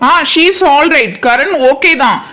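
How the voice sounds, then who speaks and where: A woman playing a hospital doctor in a cartoon, giving news calmly and slowly. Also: sits high, heavily acted. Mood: measured. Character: hospital doctor, calm and measured.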